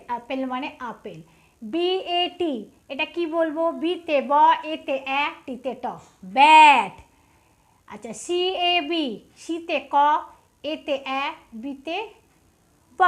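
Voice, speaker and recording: Brief: high-pitched woman tutor, patient, sounds out each letter. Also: a bit bright. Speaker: English spelling teacher.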